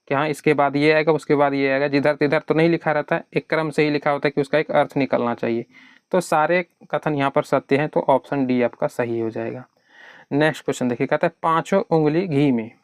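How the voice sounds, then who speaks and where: A man's voice: on the high side, no room sound, studio quality. A man teaching an exam prep lesson in a conversational way, answering his own questions on behalf of his students.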